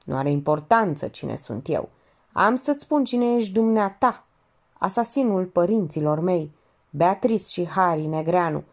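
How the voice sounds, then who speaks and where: A woman's voice: on the low side, animated, a little mellow. A woman reading an audiobook aloud, lifting her voice for the dialogue. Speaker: audiobook reader.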